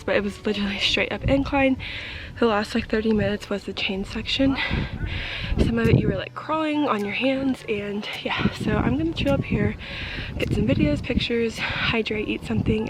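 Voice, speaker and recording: A woman's voice: mid-range voice, very noisy. A young woman vlogging on a solo hike, chatty and a bit breathless as she talks to the camera outdoors. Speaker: travel vlogger. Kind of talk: casual vlog narration. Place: outdoors on a mountain trail.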